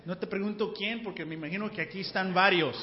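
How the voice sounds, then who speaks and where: A man's voice: high-pitched, steady tone, a crowd in the background. A man preaching a church sermon in a conversational way, often asking the listeners whether they follow and drawing out key words. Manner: conversational, keeps asking the listeners "you know?"; slow and deliberate, stretching key words. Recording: long hall reverb, dull lo-fi sound, faint background noise.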